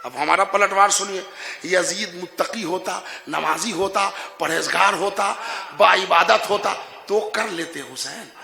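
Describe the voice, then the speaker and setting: Male preacher from Bihar, India: very bright, gravelly voice, teasing and questioning the crowd, then shouting for emphasis. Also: sits high. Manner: conversational and teasing, asking the audience questions and rising to emphatic shouts. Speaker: Shia cleric delivering a majlis sermon. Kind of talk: sermon. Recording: echoey hall.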